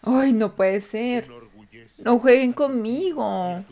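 A woman's voice: fairly high pitch, slow, mellow. A woman hosting a reaction video, gasping and exclaiming as she watches an episode.

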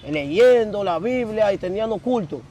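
A young man, telling his story as an interview guest in slangy, animated casual talk. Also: high voice, moderate pace, dull audio, slight background noise. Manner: animated, slangy, repeats filler words.

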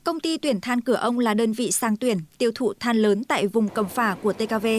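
Higher-voiced woman reading news. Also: a little fast, no room sound. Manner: smooth, even read. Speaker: news narrator. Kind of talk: scripted news voice-over.

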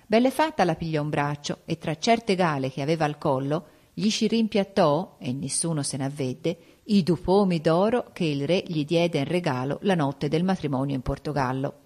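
A woman reading an old folk tale aloud as an audiobook narrator, in a steady storytelling manner. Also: low voice.

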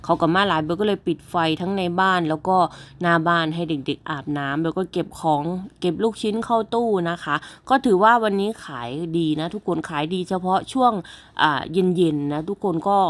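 A young woman with an Isan accent, chatting casually to her viewers as a rural housewife vlogger. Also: lowish voice. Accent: Isan Thai. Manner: chatty, keeps addressing viewers as everyone. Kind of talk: casual vlog narration. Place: rural home and garden. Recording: crickets and insects behind.

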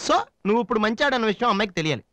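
A man's voice: sits high, animated, a bit bright, no room sound. An actor playing a chatty young male sidekick who rattles off comic advice to his friend. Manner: rapid, rambling advice-giving. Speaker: film actor. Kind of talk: comic film dialogue.

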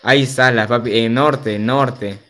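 A young man streams a game and chats casually with viewers, loose and slangy, reading chat aloud and laughing often. His mid-range voice is unhurried, fairly even in intonation and sharp in tone, with faint music behind.

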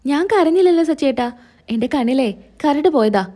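Young wife read by a woman, gentle, pleading, wounded, high voice, mellow tone. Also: animated, moderate pace. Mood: hurt. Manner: pleading, soft, hurt.

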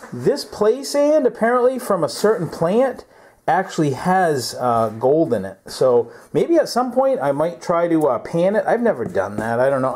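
A man's voice: a little high, darkish tone. A man hosting a welding show, talking casually in his workshop in a folksy, rambling way. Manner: folksy, rambling, self-joking. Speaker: welding channel host. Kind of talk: casual workshop demo talk. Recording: noisy shop background.

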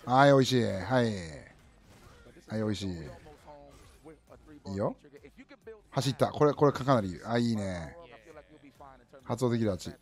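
A man in his thirties with a lowish voice gives casual running commentary on a fighting game match from a streamer's desk in an indoor room. He speaks at a measured pace with long pauses, in clipped, repetitive short remarks as a livestream commentator.

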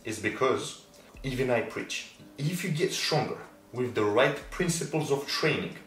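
Speaking at medium pitch with lively intonation, a measured pace and a slightly bright sound, a man in his twenties with a Moldovan accent explains fitness topics casually to camera. He is an athlete and creator whose native languages are Romanian and Russian, and he repeats words for stress. The lapel mic in his Christmas-decorated indoor room picks up roomy echo, distance and faint noise.

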